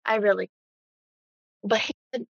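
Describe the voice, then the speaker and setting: A woman's voice: mid-range voice, fairly even intonation, a little slow, vocal fry, slightly rough, no echo, dull audio. A woman in casual podcast chat, bluntly swearing, her audio choppy as her mic cuts in and out mid-word. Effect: choppy audio, mic cutting out mid-word.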